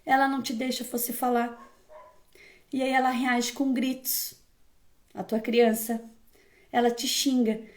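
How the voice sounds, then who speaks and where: A woman's voice: sits high, a little mellow. A woman speaking as a parenting educator, giving firm, emphatic advice to viewers in a casual tone and often checking in with the listener.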